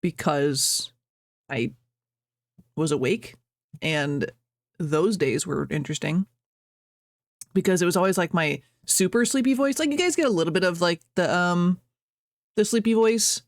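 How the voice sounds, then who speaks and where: A woman's voice: on the low side, animated, unhurried, pauses often, no room sound, studio quality. A young adult woman streamer chatting casually at home, rambling, reading chat aloud and laughing often. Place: at home, birds outside.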